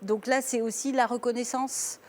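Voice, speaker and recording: A woman on a talk show panel offering gentle, reflective psychological advice, pausing often to find her words. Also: on the high side, fairly even intonation. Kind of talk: therapeutic commentary.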